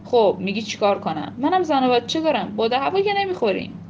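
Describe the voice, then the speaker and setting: A woman's voice: a little high, big pitch swings, darkish tone, highs cut off, a little hiss or hum. Woman doing a blunt, grumbling neighborhood dealer. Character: gruff grown man, a stingy neighborhood dealer.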